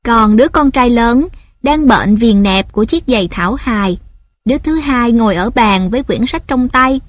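A woman reading a story aloud in steady, measured scripted narration. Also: on the high side, no echo.

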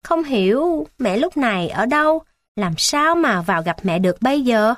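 A woman's voice: a little high, lively intonation, normal speed, dry recording, lightly acted. Woman voicing a small tearful boy. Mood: pleading. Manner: pleading, tearful. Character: small anxious boy who loves his mother.

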